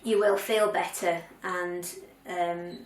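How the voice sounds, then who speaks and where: A woman's voice: on the low side, fairly even intonation, slow pace. A woman in her later years chatting candidly to camera in a weekly vlog, with frequent ums and restarts. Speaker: vlogger. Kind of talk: casual chat to camera. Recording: roomy sound, mic at a distance.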